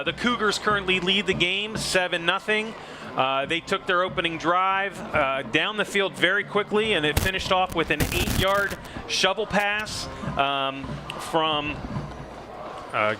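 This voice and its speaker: A man doing play-by-play for a high school football broadcast, conversational with frequent fillers. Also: noisy background. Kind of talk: local sports commentary.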